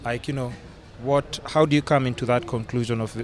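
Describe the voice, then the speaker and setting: A man's voice: medium pitch, fairly even intonation, brisk. A young Kenyan man hosting a casual podcast conversation, chatty and teasing, laughing often. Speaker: podcast host.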